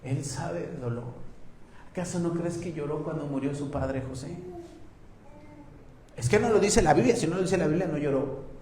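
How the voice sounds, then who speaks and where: Mexican male pastor, fairly high voice, dynamic sermon with loud peaks and hushed dips, roomy church sound. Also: moderate pace, long pauses, a little hiss or hum. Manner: swings between loud emphatic preaching and soft, hushed passages.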